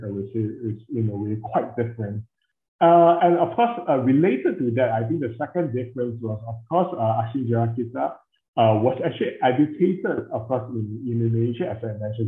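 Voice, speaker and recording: A man answers interview questions as a scholar, thinking aloud in measured, hesitant phrases full of fillers. His voice sits at an ordinary pitch. It comes through a tinny, phone-like call line with a roomy echo around it. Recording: tinny, echoey call audio.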